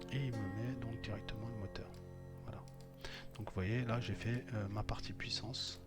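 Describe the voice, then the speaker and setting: A man teaching electrical wiring, walking through each step on screen as he clicks, with many hesitations and fillers. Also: lowish voice. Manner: thinks aloud while clicking, many fillers. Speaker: electrical instructor. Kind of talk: screen-recorded software tutorial.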